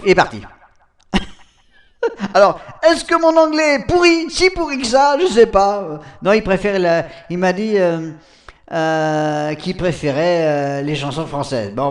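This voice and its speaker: A man's voice: a little high, roomy sound, recorded from a distance. A man hosting a live voice chat room, chatting casually and laughing at himself between karaoke songs, with lots of fillers. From France. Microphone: home computer mic.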